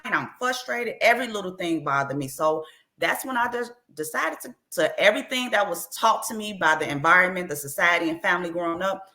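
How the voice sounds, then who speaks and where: A woman's voice: lowish voice, pushed and bright. A woman author in an interview, talking openly and earnestly about her life, often repeating short phrases. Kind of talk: candid personal interview.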